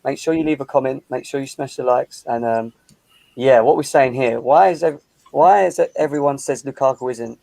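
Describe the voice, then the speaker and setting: A man hosts a casual livestream chat with friends, reading out stats and viewer comments in an even, mid-pitched voice. He talks at an ordinary pace and keeps the chat moving. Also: moderate pace, creaky, dry recording, rough recording. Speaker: stream host.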